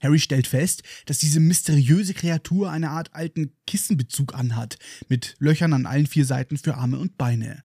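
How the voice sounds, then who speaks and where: A man's voice: fairly high pitch, moderate pace, hardly any pauses, mellow, husky, no room sound, clean studio sound. A man with a German accent hosting a podcast, retelling a book chapter with ironic, playful commentary. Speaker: podcast host.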